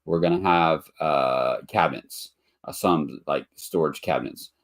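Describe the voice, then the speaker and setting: Speaking a little slowly in a very deep voice, a webinar host and motel investor leads a live session. He's casual and meandering, with lots of ums and restarts, and sounds slightly nasal and congested from allergies.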